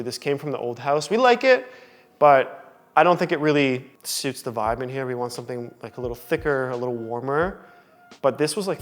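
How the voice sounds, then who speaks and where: A young man, casually talking through a tour of his loft apartment in a relaxed way, with lots of filler words. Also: medium pitch. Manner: chatty, relaxed, full of "like" and "um" fillers. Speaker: vlogger giving a home tour. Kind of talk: casual home tour talk. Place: large loft apartment indoors.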